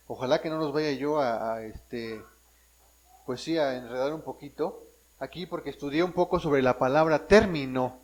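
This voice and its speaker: A man's voice: a little high, poor audio. A man from Mexico preaching a sermon as a pastor. He works through Bible verses, often checks in with the congregation, and restarts and corrects himself often. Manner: frequent restarts and self-corrections.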